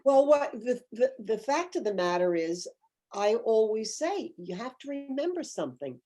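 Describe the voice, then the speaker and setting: A woman's voice: on the high side, sing-song, normal speed, mellow. An older woman, an author, talking thoughtfully in an interview over a video call, telling stories with emphasis. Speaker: author guest. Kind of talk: conversational interview.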